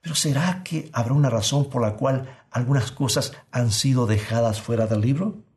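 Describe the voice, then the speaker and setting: A man's voice: medium pitch, a little mellow. Earnest male preacher asking rhetorical questions. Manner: reads scripture slowly and deliberately. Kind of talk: sermon.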